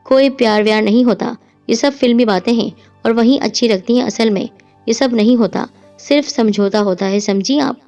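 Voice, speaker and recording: A woman's voice: a little high, darkish tone, faint music behind, close to an everyday voice. A woman voicing a scornful, domineering husband. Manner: scornful, raised voice. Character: angry domineering young husband, harsh.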